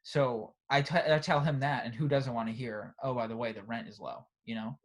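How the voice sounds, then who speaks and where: A young man co-hosting a podcast, telling a story in a casual, animated way and often tagging "right?" and "bro". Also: medium pitch, brisk. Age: young adult. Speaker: podcast co-host. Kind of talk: casual chat.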